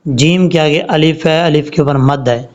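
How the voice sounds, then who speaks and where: A man with a high voice teaches Quran recitation one word at a time. He draws each word out slowly and then explains the rules in plain speech. The recording sounds dull and lo-fi. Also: darkish tone. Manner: slow drawn-out recitation between plain explanations.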